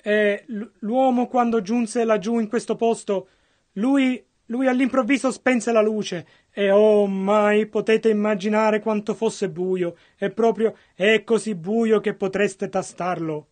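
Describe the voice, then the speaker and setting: A man interpreting a sermon with earnest, close phrasing. His voice is strikingly high for a man, and he speaks in short stretches between the preacher's lines. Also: fairly even intonation, takes it slowly, darkish tone.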